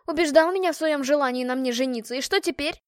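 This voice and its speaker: A woman's voice: high-pitched, lively intonation, a little fast, no echo, clean studio sound, pitched above the performer's own voice. A woman reading the part of a proud, bitter young noblewoman who has been jilted, accusing and sarcastic in an audiobook.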